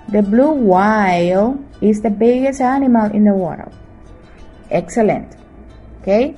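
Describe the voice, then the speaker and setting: Slow, mellow woman teaching English. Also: on the high side, husky, low-quality recording. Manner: checks in with frequent "¿sí?"; slow English examples, quicker Spanish explanations. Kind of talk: bilingual grammar lesson.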